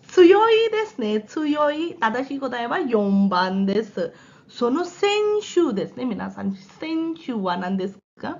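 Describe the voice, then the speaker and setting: In lo-fi audio, a woman with a high voice and a sore throat leads an exam practice lesson. She explains the answers while mixing in Japanese, often making sure her students are following.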